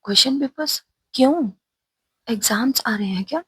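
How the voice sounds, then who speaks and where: A cheerful, clingy young student, as a woman storyteller puts her on, speaking sweetly and teasingly. The tone is soft, very breathy and husky. The recording is dry and close. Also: mid-range voice, fairly even intonation, moderate pace, no room sound. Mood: curious.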